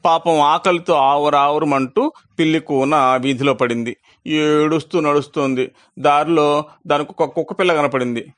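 A man narrating a children's moral story as storyteller, in an expressive manner that slows down for effect. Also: on the high side.

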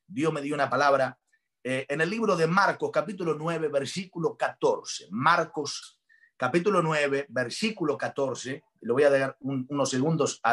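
A male pastor preaching a sermon at an online congress, with impassioned delivery that builds to shouts. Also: medium pitch.

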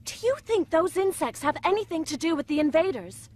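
A woman's voice: extremely high pitch, expressive, brisk, darkish tone. A woman playing a young, commanding, urgent spaceship captain in an anime dub. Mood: concerned, commanding. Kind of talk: English anime dub acting.

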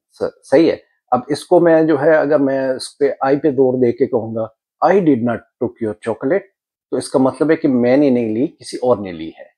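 A man teaching an exam lesson, explaining step by step and slowing down to model example sentences. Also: medium pitch, mellow, slightly rough. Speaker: exam tutor.

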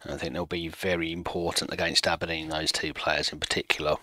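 Chatty low-voiced man in his thirties. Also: level tone, quick pace, sharp tone, no room sound. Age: 30s. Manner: chatty, self-mocking, reads chat aloud. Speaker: streamer. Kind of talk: casual chat with stream viewers while playing. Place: home room at a desk.

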